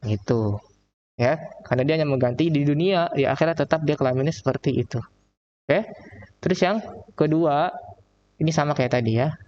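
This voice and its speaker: A man teaching Arabic with a Jakarta accent, slowly drawing out the example phrases in a recorded online lesson. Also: a little high, darkish tone, muffled recording, a little hiss or hum. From Indonesia. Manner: slow, drawn-out reading of example phrases. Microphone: laptop mic.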